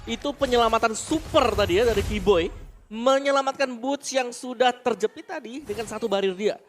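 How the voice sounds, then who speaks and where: A man's voice: extremely high pitch, normal speed, a little hiss or hum. An Indonesian man giving analytical commentary as an esports caster. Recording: music behind the voice. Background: music.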